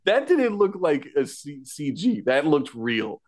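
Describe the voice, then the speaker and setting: Recapping a TV episode in a casual chat, this male co-host speaks a little slowly in a high-sitting, slightly mellow voice with big pitch swings. He laughs a lot and his talk is crowded with fillers and restarts.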